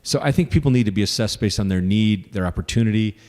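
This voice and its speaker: A congressional candidate answers audience questions earnestly at a forum, listing his points with frequent fillers. His voice is on the low side and darkish, he talks fast, and the sound carries a long reverb tail.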